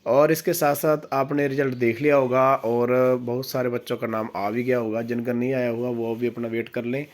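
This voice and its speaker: A man hosting an exam news channel, reading official notices aloud slowly and explaining them in a casual way to viewers he calls friends. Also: mid-range voice, level tone. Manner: reads English notice text slowly, then explains it in Hindi; addresses viewers as friends, asks for comments.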